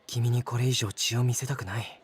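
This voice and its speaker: A male game actor playing a cool-headed young mafioso, speaking in a controlled, soft, measured way. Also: mid-range voice, fairly even intonation, husky. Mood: cool, protective. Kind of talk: Japanese visual novel game acting. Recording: game audio with music behind. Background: game music.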